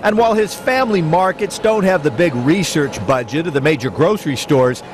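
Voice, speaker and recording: A man's voice: a little high, expressive, brisk. A man narrating a local TV news report with a polished delivery. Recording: noisy broadcast audio.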